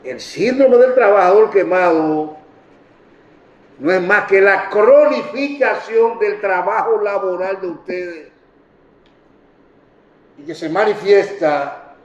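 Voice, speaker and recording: A man with a Dominican Spanish accent gives an emotional public talk to journalists, his voice sitting high as he tells stories in quick, impassioned bursts. He's recorded from far off in an echoey room, and the sound is dull.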